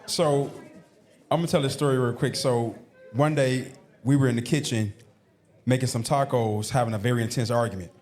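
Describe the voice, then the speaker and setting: A married man shares a personal story with a live audience. He builds it like a storyteller and lands playful punchlines. His pitch sits in the middle. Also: fairly even intonation, normal speed, a little mellow. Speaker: married guest co-host. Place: event hall with a live audience.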